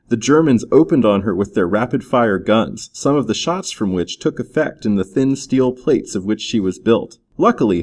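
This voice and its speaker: A man narrating an adventure story in an expressive, storytelling manner. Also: mid-range voice. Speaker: audiobook narrator. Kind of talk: scripted narration.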